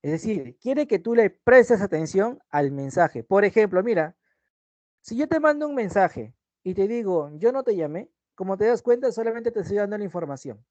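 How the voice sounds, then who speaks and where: This medium-pitched, expressive voice belongs to a teacher giving a language lesson online via video call, speaking at normal speed with a darkish tone. The explanations go step by step, with frequent short tag questions. The recording has no echo and sounds muffled.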